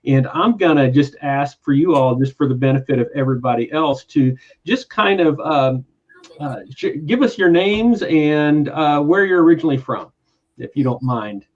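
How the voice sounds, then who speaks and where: A man's voice: fairly high pitch, expressive, normal speed, muffled recording. A man hosting a friendly online chat with a country American accent, talking hesitantly with many fillers. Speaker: host. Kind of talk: casual interview chat.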